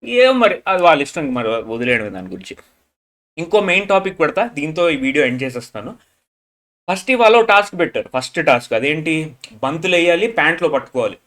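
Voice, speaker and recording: A man's voice: sing-song, a little fast, a bit bright. A man giving a frank, opinionated review, mixing in English phrases. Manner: frank, mixes English phrases, mimics people in low mocking voice. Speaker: show reviewer. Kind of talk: casual opinionated review monologue.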